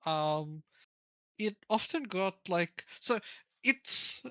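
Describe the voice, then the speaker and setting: A man's voice: high-pitched, lively intonation, extremely slow, sharp tone, clean tone, no room sound. A man co-hosting a book club livestream, rambling casually with fillers and laughing at his own slips. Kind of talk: casual live-stream chat.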